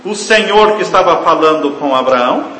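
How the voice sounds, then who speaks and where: A man preaches from the pulpit, pressing hard on certain words before sinking into quiet, low phrases. His voice sits a little high. The sound carries a long hall reverb with a faint hum of ambience behind it. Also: expressive, moderate pace. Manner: emphatic preaching, swings from loud stressed words to hushed low phrases; addresses the congregation as dear ones. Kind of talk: sermon. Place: church hall.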